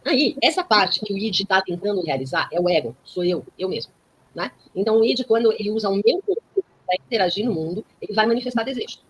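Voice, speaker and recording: Speaking quickly and with animation at a medium pitch, a woman appears as a guest on a talk program. She teaches through everyday examples and keeps checking in with tag questions. The rough recording carries slight background noise.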